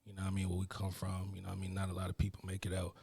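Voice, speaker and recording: Fast-talking low-voiced young man. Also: completely flat delivery, gravelly, a little mellow, slightly rough. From Mississippi. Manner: laid-back, slangy, keeps saying "you know what I mean". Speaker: guest rapper. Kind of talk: casual interview chat.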